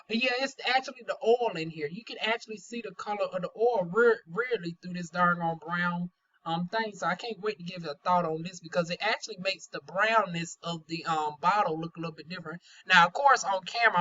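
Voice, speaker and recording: A Southern American woman chats casually through a product review in a bright, forward voice. She has trouble pronouncing her R sounds and talks in a candid, folksy way peppered with slang. The recording is slightly dull and lo-fi. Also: fairly low pitch. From North Carolina, US South. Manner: folksy, candid, chatty with playful euphemisms and slang. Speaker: beauty vlogger, aesthetician.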